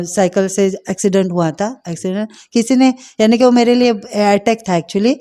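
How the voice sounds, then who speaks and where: Mellow-voiced woman giving a heartfelt testimony. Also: mid-range voice. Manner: heartfelt, hesitant with many fillers. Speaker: testimony speaker. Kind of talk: emotional personal testimony.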